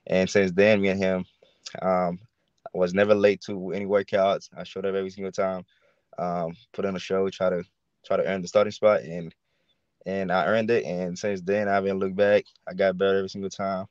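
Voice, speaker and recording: A man's voice: low-pitched, little pitch movement, dry recording. A young man from Haiti, a college punter, talking casually on a video call with frequent fillers and restarts. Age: young adult. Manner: halting, many fillers and restarts. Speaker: guest, college football punter. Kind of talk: casual interview. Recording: dull lo-fi video call audio.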